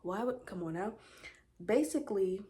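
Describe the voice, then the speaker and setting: A young woman of twenty talks through her monthly reads in a casual get-ready-with-me chat. She retells stories with animated asides, rhetorical questions and little jokes for her viewers, with a voice of middling pitch. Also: moderate pace. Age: 20s. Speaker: book vlogger. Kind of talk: casual chat while doing makeup.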